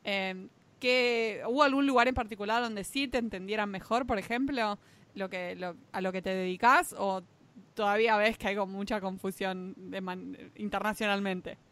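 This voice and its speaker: A woman's voice: medium pitch, moderate pace, a bit bright. A woman with an Argentine accent co-hosting a podcast, asking long, rambling questions. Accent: Argentine Spanish. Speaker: podcast co-host, interviewer. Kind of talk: casual podcast chat.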